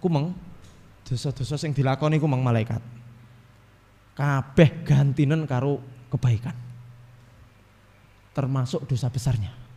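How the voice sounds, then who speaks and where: A man with an East Javanese accent preaching a sermon, lively and joking, acting out little dialogues. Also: medium pitch, a little slow, pauses often. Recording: reverberant hall.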